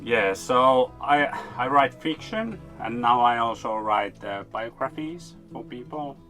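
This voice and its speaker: A man's voice: medium pitch, lively intonation, unhurried, pushed and bright. A man from Finland, a native Finnish speaker, talking casually in English as an interview guest. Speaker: interview guest, fiction writer. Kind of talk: casual conversation. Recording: guitar music in background.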